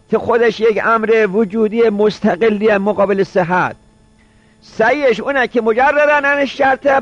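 A man's voice: very high-pitched, dry recording, lo-fi sound. A man giving a seminary jurisprudence lecture, repeating each point and posing rhetorical questions. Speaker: seminary teacher.

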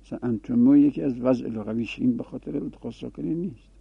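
A man's voice: mid-range voice, gravelly, slightly rough, no room sound. A man giving a classroom grammar lesson, explaining rules and repeating example forms aloud. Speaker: Arabic grammar teacher. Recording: tinny phone-like dry recording.

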